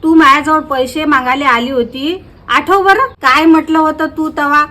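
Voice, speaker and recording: A woman's voice: high-pitched, fairly even intonation, normal speed, sharp tone. A woman in a village comedy sketch, talking back in an indignant, argumentative way.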